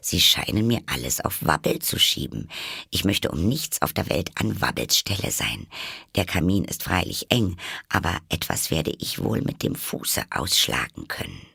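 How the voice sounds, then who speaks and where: Man reading a sensible little girl, musing half-whispered, low and husky. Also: very animated, normal speed, bright, forceful tone, dry recording, studio quality, full character voice.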